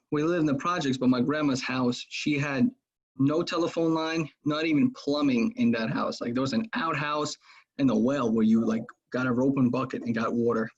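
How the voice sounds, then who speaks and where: A husky-voiced man from Russia speaking as a podcast guest, loose and conversational, leaning on "man" and "like". His voice comes through on dull, lo-fi remote audio, at an everyday middle pitch. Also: darkish tone. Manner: casual, loose, fills with man and like. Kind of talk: casual interview chat.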